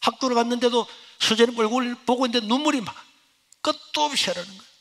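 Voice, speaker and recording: A middle-aged male pastor preaches a sermon as personal testimony in a very high, gravelly voice, speaking fast. He swings between loud exclamations and hushed lines that are nearly whispered.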